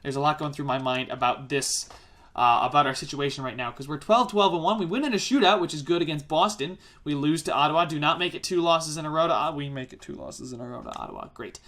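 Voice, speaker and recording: Fast-rambling man commentating his game. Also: on the high side, a bit bright. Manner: rambling, self-correcting, exasperated musing; fast-talking. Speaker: gaming YouTuber. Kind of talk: let's-play gameplay commentary.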